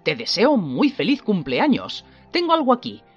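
A woman voicing a huge shaggy man, blunt and hearty, rough but kindly, leaping up and down in pitch. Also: huge pitch swings, moderate pace, dull audio, soft background music.

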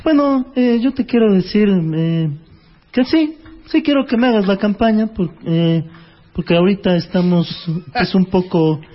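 A man voicing a hesitant middle-aged male politician, with halting speech full of "eh" fillers. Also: high voice, dull audio, pitched above the performer's own voice, lightly acted.

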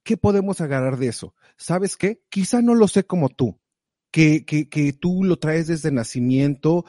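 A man giving lively, direct, motivational advice in a casual conversation. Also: fairly high pitch, unhurried, no room sound, clean studio sound. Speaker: guest sharing advice.

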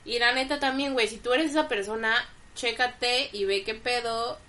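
A woman's voice: fairly high pitch, normal speed. A woman in her twenties with a Mexican accent, co-hosting a podcast and telling stories in frank, slangy chat. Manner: slangy, frank, animated storyteller. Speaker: podcast co-host. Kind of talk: casual storytelling chat.

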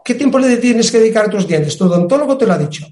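Man with a bright lifted voice. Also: high voice, expressive, quick pace. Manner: emphatic, acts out little dialogues. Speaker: fitness expert guest. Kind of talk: explanatory interview talk. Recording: roomy echo.

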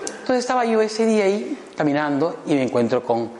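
A man's voice: high voice, very animated, a little fast, a little mellow. A man, giving a playful motivational talk full of jokes and asides to his audience. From Peru. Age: 50s. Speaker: motivational speaker. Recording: echoey hall with long reverb, faint noise.

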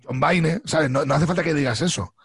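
A Spanish-accented man in a casual podcast chat, opinionated and lively, tossing in "¿sabes?" as he goes. His voice is gravelly and a touch husky. The recording is dry and close. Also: on the high side, brisk, dry recording. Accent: Spain. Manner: opinionated, animated, peppered with "¿sabes?".

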